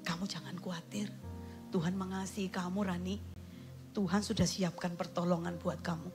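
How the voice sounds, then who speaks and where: A woman's voice: on the low side, fairly even intonation, normal speed, over music, pitched below the performer's own voice, natural voice. A woman voicing a worried, consoling female friend from church in a sermon story. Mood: comforting.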